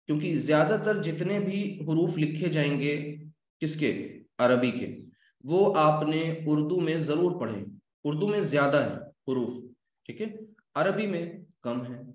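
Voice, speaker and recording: A man teaching an Arabic language class, explaining slowly and asking his students questions. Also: on the high side, lively intonation. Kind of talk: classroom lecture. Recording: echoey room.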